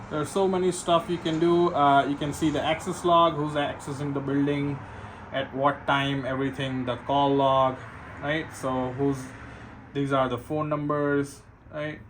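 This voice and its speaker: On a low-quality recording with clear ambient noise, a man whose voice runs high gives an informal, unscripted security system demo as its installer. He explains the product step by step, often checking in with the listener by ending points with "right?".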